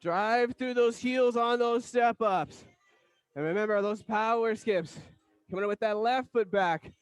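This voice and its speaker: Male aerobics instructor, very high register, driving and motivational cueing, dry sound. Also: a little slow, clear, resonant tone, no room sound. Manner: energetic, motivational aerobics instructor calling out cues and countdowns. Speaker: aerobics instructor leading a workout class. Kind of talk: fitness class coaching, counted cues.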